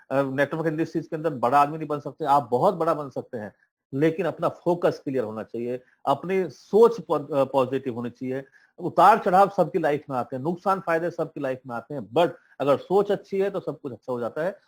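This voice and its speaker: A man speaking on an online meeting call, pitching a business plan in a motivational tone with many hesitant fillers. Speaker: presenter of crypto network plan. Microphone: online call audio.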